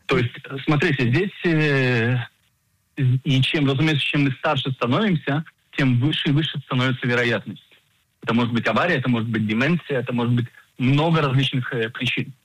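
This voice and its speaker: A man in his forties, an insurance agent and financial planner, explaining coverage in a radio interview in a measured way with frequent hesitations. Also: medium pitch, slightly rough, no echo, rough recording.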